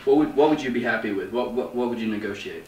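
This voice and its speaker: A man's voice: mid-range voice, fast, darkish tone, echoey room, recorded from a distance, lo-fi sound, a little hiss or hum. A man posing as a TV producer on a prank call, hesitant and stammering in a put-on producer voice.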